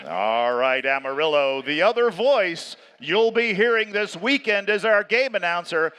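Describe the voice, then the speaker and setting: A man working as an event emcee, announcing a live competition in a showy, hyped style like a fighting game announcer, with drawn-out calls. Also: high-pitched, lively intonation, sharp tone, clear, resonant tone. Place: large indoor competition venue. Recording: echoing large arena PA.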